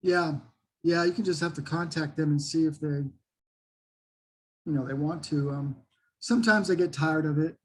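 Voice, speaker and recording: High-pitched, husky man. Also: moderate pace, pauses often. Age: middle-aged. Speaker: interview guest, Bigfoot researcher. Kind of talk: casual interview talk.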